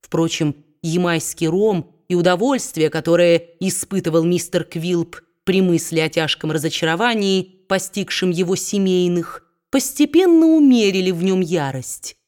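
Low-voiced woman reading a novel aloud. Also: normal speed, hardly any pauses, darkish tone. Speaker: audiobook reader. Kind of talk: scripted narration of a classic novel.

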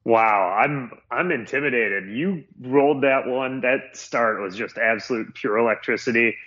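A man's voice: mid-range voice, unhurried, fairly bright tone. Man, sports podcast co-host, chatty, thinks aloud, dull cave-like muffled sound, lo-fi home recording. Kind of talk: casual sports betting chat. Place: small makeshift home room in a new house, under a blanket.

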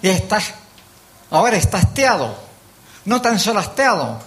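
An older lay preacher with a Chilean Spanish accent delivers a sermon in a high, sing-song, fairly bright voice at a moderate pace. He tells folksy stories and acts out the voices of the characters in them.

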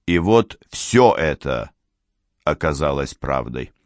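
Deep-voiced male audiobook narrator. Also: sing-song, slow, dry recording, clean studio sound. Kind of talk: scripted narration of a novel.

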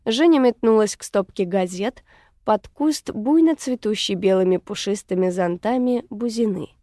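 A woman narrating a story in a measured, even reading voice. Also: medium pitch, no echo, clean studio sound. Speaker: audiobook narrator. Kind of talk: scripted narration.

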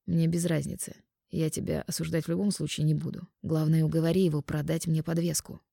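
A woman's voice: sits low, little pitch movement, a little fast, gravelly, warm tone, no echo, studio quality, exaggerated voice. A woman voicing a pushy young man who haggles, in an audiobook reading. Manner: pushy, wheedling bargaining. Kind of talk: audiobook narration.

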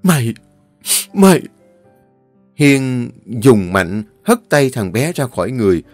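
A man narrating a dramatic audio story in a steady, earnest storytelling voice. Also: mid-range voice, unhurried, no room sound. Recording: dry close voice, faint music.

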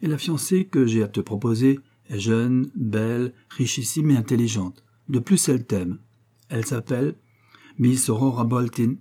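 A man's voice: medium pitch, normal speed, dark tone, husky, lightly acted. A man reading the part of a domineering old inventor who scolds his son in an audiobook. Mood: coaxing. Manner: commanding, heated. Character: domineering old male inventor, quick-tempered father.

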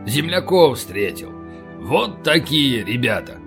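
A man's voice: medium pitch, big pitch swings, slow pace, a bit bright, soft background music, exaggerated voice. A man voicing a rowdy male soldier pilot who barks and clowns around in an audiobook. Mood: cheeky. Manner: barking, clowning.

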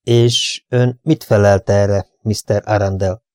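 A man reading an audiobook, playing a dry, measured older detective who asks careful questions. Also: fairly low pitch, fairly even intonation, a little mellow, no echo, natural voice.

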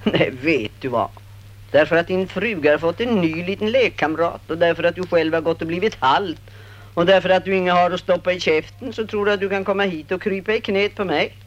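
A woman playing a scornful old female river spirit in a radio play, scolding and mocking with sudden shouts. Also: lowish voice, dull audio, natural voice. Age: older.

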